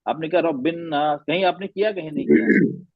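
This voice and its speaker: Male recitation teacher, patient, demonstrates sounds slowly, slightly high voice, dull dry line. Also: no echo. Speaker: Quran tajweed teacher. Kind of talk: online class instruction.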